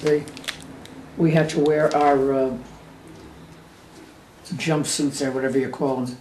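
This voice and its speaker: An old American woman reminisces as a war veteran. Her phrases come short and halting as she remembers. She is picked up from a distance in a roomy space with faint noise. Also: deep voice, steady tone, darkish tone. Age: 80s or older. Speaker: war veteran being interviewed. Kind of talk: unscripted reminiscing.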